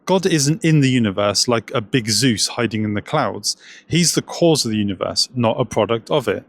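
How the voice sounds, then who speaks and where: Man, scripted commentary, sarcastic, jokey asides, mid-pitched voice. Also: expressive, normal speed, no echo.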